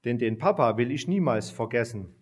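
A man voicing a sad little boy who misses his father, speaking quietly in a children's storybook reading. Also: mid-range voice, lively intonation, normal speed, slightly rough. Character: grieving little boy missing his dad.

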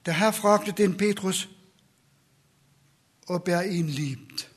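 A man preaching a sermon in a slow, earnest way, dropping to a soft whisper for repeated questions. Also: high voice.

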